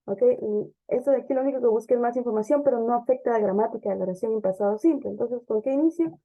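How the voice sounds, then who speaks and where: A woman teacher explaining English grammar step by step, often checking understanding with a quick "ok?" or "¿sí?". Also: fairly high pitch. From Ecuador. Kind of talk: classroom grammar lesson. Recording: dull lo-fi lesson recording.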